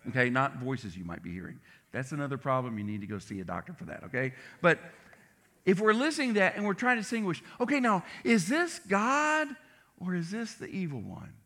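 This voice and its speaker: A man preaching a sermon as pastor, animated and acting out voices in his story. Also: on the high side, a little fast. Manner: animated, acts out biblical voices.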